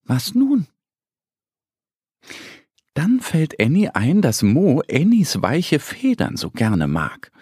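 Man reading a kids bedtime story, slow and soft, dry studio. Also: fairly high pitch, husky, dry recording. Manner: gentle and calm, lively storyteller melody. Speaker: narrator. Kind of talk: children's bedtime story narration.

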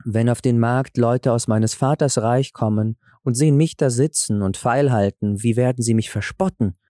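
A man's voice: medium pitch, normal speed, dark tone, dry recording, clean studio sound, natural voice. A man reading aloud voices a proud young princess fallen into poverty, plaintive and worried in a raised voice. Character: proud young princess, now poor and fearful.

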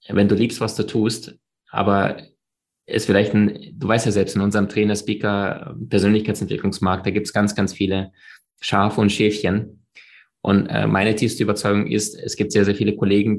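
Gravelly low-voiced man, emphatic. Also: darkish tone. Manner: expansive, emphatic, rambling with many fillers. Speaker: interview guest, author. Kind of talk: conversational interview.

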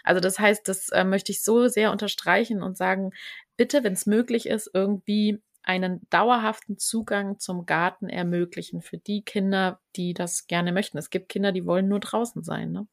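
A woman's voice: mid-range voice, fairly even intonation, normal speed, vocal fry. A woman hosting a podcast conversation, earnest and emphatic, often repeating words as she searches for the next. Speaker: podcast host. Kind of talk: casual conversation.

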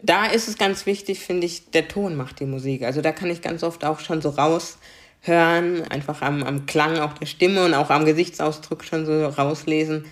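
Speaking at a moderate pace in a low voice with fairly even intonation, a young woman from Karlsruhe, Germany, who works as a diversity coach gives earnest explanations during a conversational interview. She frequently ends with a questioning "ne?".

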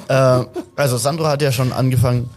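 A man, chatting casually and somewhat haltingly as a player in a tabletop role-playing game. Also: mid-range voice, fairly even intonation, darkish tone, soft background music.

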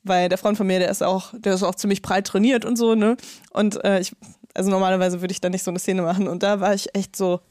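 Animated, swearing woman podcast host. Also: mid-range voice, fast, no room sound, studio quality. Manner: animated storytelling, swears freely. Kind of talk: casual podcast chat.

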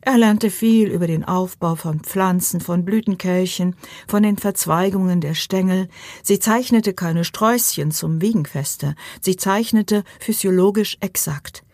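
A woman narrating an audiobook in a calm, even storytelling manner. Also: lowish voice, unhurried, no echo, clean studio sound. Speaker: audiobook reader.

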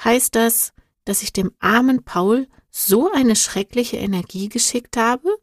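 A woman's voice: on the high side, moderate pace, darkish tone, no echo, clean studio sound, pitched above the performer's own voice. Storybook schoolgirl, curious and earnest, voiced by a woman narrator; slightly raised, eager delivery. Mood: dismayed. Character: curious young schoolgirl, earnest and open-hearted. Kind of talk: storybook reading.

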